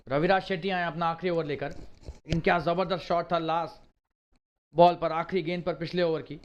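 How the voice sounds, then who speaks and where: A man giving excited live cricket commentary, exclaiming in short, emphatic bursts of praise. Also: sits high, smooth.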